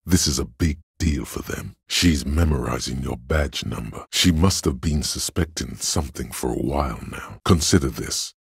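In a video game, a man's extremely low, husky, gravelly voice of pure logic speaks inside the player's head, a full character performance of a cold, analytical, condescending mind. He sounds measured, deliberate, dry and superior, with a calm, analytical mood. The recording is very dry, with no room sound at all.

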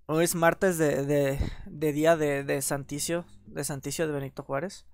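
A man with a Mexican accent chatting excitedly on a gaming livestream while he has a cold, often stammering over repeated words. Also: fairly high pitch, normal speed, clear, resonant tone, dry recording, studio quality. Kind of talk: casual gaming livestream chat.

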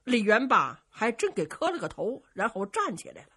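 A woman storyteller with a Beijing accent, telling a traditional tale in a lively, vivid way and switching between character voices. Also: fairly high pitch, normal speed, husky. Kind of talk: traditional Chinese pingshu storytelling.

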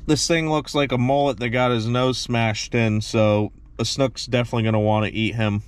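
A man's voice: medium pitch, fairly even intonation, normal speed, slight background noise. A young man chatting and joking to camera in a casual fishing vlog, filmed in a parked truck on a dashboard camera. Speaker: fishing vlogger.

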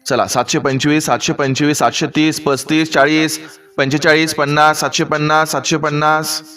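A man voicing a market auctioneer who shouts out rising bids in a sing-song call. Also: fairly high pitch, flat delivery, normal speed, recorded from a distance, faint music behind, pitched above the performer's own voice, lightly acted. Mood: shouting bids. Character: loud male auctioneer calling bids.

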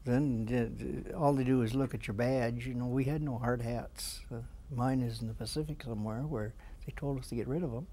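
An old Canadian veteran remembers his service in a dark, mellow voice of medium pitch. He speaks plainly and haltingly, as a man in his seventies looking back. There is faint noise in the room. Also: steady tone. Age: 70s. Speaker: war veteran being interviewed. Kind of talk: veteran's reminiscence in an interview. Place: small indoor room with flags. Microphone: lapel mic.

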